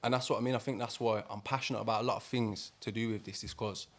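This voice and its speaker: A man's voice: lowish voice, fairly even intonation, fast talker, a bit bright. A man from Birmingham with a Brummie accent, talking casually as an interview guest in informal British street slang. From Birmingham, England.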